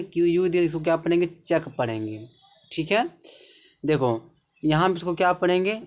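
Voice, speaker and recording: A man with a Hindi accent and a slightly high voice teaches English pronunciation, explaining slowly, repeating words and often checking in with the viewer.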